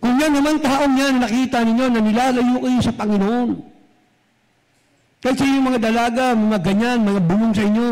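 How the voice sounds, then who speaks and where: High-voiced preacher in an echoing hall. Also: male voice, fairly even intonation, normal speed, a little mellow. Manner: preaches directly to the congregation, switching between Tagalog and English. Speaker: pastor. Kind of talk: sermon. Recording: long reverb from a large hall.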